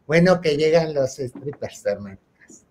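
A man's voice: fairly high pitch, expressive, a little slow, a little mellow, a little hiss or hum. A man with a Mexican accent hosting a show, telling a comic gossipy party story and addressing listeners as sisters. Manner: acts out friends' voices in quotes. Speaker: host.

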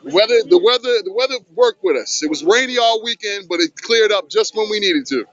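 Man, vlog host, high voice, loose streetwise banter, outdoors on a beach, dull phone recording. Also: animated, brisk, a bit bright. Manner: loose, hyped streetwise talk. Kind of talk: casual handheld beach vlog. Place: outdoors on a sunny city beach. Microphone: handheld phone camera.

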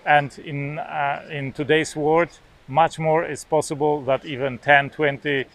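A man's voice: fairly high pitch, level tone, measured pace, fairly bright tone. A man in his forties from Poland, a native Polish speaker, talking casually to the camera outdoors on a beach lawn, hesitant with many filler sounds and restarts. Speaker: vlogger.

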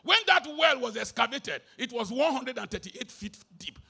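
A Nigerian man preaching with a very high, bright, sharp voice and a gravelly edge. His delivery leaps from shouts to low mutters, with pidgin mixed in. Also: expressive, moderate pace. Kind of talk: sermon. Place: live concert stage.

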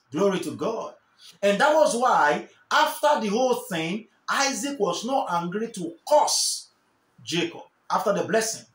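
Seated in an armchair in a small, bare indoor room, a young Nigerian man delivers a sermon to camera, his high, fairly bright voice sweeping widely up and down. He preaches fervently and gestures as he goes, repeating key lines for emphasis, while the room lends an echo.

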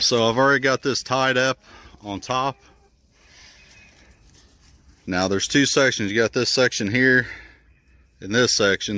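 A man's voice: medium pitch, sharp tone, no room sound. A man in his thirties, plain-spoken and folksy, talking casually while building a chicken run outdoors and filming on a handheld phone. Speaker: homesteader showing a build. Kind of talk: casual how-to vlog. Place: outdoors in wooded yard by chicken coop. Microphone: handheld phone camera.

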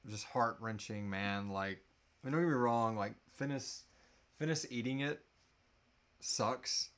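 A man in his thirties hosts a live Q&A from a small room at home, seated, chatting casually and joking as he answers audience questions. He makes audio dramas, and his mid-range voice is fairly bright and moves at a measured pace.

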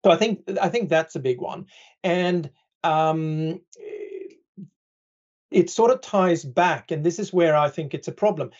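A man's voice: a little high, a little slow, darkish tone, lo-fi sound. A man speaking as an expert guest on a podcast, explaining things conversationally with dry sarcastic humor and many "right?" tags.

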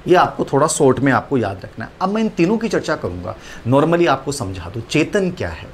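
A male teacher delivers an exam-prep psychology lesson at a middle pitch. He poses questions and answers them straight away, often closing a point with "okay." A faint background hiss sits under his voice. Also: very animated, a little fast. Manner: tags lines with "ठीक है".

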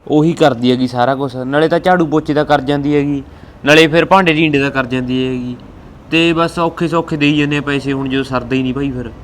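A man playing an older father who gives slow, fatherly advice, with a rural Punjabi accent. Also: medium pitch, fairly even intonation, slight background noise, natural voice. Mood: weary. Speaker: father of a grown son. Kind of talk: family web drama acting.

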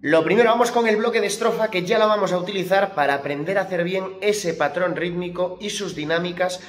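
A man's voice: high voice, fairly quick. A man teaching guitar, stressing key points and voicing the strum rhythms aloud. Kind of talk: guitar lesson explanation. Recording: roomy echo with acoustic guitar.

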